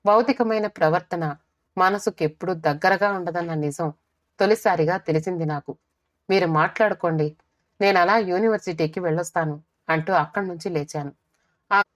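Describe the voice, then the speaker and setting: A woman narrating a first-person audiobook story in a steady, measured reading. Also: on the low side, no room sound.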